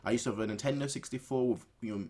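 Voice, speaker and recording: Racing along at medium pitch, this man hosts a reaction video; his remarks are casual and excited, and he keeps repeating phrases to drive them home.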